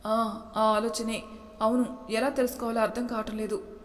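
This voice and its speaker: A woman voicing a moody young husband with a curt, gruff manner, in a storybook reading. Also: a little high, level tone, moderate pace, lightly acted. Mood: brooding. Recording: echoey room with long reverb.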